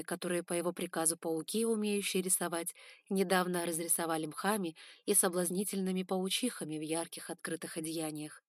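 A woman narrating a fantasy audiobook with steady, even storytelling. Her voice sits a little low and sounds dry and close, with no room echo. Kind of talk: scripted narration.

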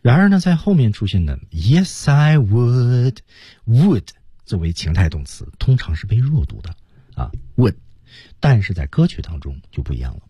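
A man's voice: mid-range voice, big pitch swings, moderate pace, mellow, breathy edge, dry recording. A man teaching English on a radio lesson, explaining patiently in a radio studio.

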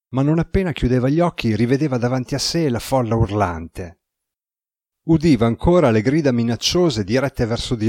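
A man reading a novel aloud in a steady, measured way, his voice low. The recording is dry and close, with no room sound. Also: no echo. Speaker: audiobook narrator. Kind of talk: scripted narration.

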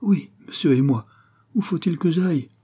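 A man's voice: fairly high pitch, animated, normal speed, warm tone, husky, voice pushed up. A man voicing an anxious, fawning male servant in an audiobook reading, humble and flustered. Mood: flustered, pleading.

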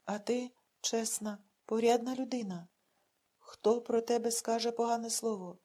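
Woman reads a defiant peasant wife, passionate, warm husky voice. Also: on the high side, steady tone, normal speed, natural voice.

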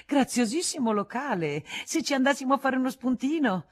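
A woman's voice: sits high, expressive, fairly quick, voice pushed up. A woman reading aloud, voicing a jovial, sociable young man who talks eagerly.

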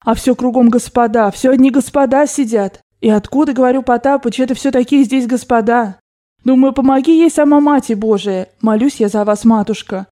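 Storybook part: woman reader as an excitable elderly maid, breathless chatter, high and soft-toned. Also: close to an everyday voice. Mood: gushing. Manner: rapid chatter, excited and gushing. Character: chattering devout old maidservant, breathless and fussy. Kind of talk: audiobook character voice.

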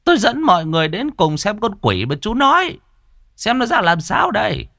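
A man doing a gruff, sneering village chief. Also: high voice, sing-song, normal speed, bright, forceful tone, no room sound, clean studio sound, pitched above the performer's own voice, exaggerated voice. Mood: scornful bossiness. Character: gruff, skeptical older village chief, bossy.

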